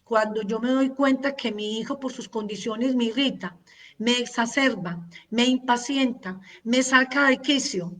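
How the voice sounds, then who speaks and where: A woman leads a parenting masterclass in a slow, deliberate teaching voice, pitched a little high. She is earnest and repeats words for emphasis as she runs through long lists. Her voice sounds distant from the microphone. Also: a bit bright.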